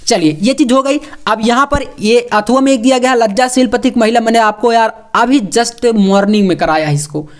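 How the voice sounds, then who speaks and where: High-voiced young male exam tutor. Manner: emphatic, repeats key points, coaxing asides. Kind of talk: exam coaching lesson, walking through answers.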